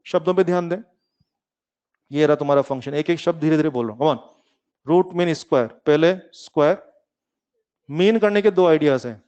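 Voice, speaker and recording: A man leads a physics lesson, coaxing his students along in a playful, teasing way. His voice sits a little high and comes through smooth and clear. The recording sounds a bit muffled. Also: a little mellow. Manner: coaxing, talks to students as kids; playful, calls himself lazy. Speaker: physics teacher. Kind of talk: online classroom lecture. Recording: slightly muffled lecture recording.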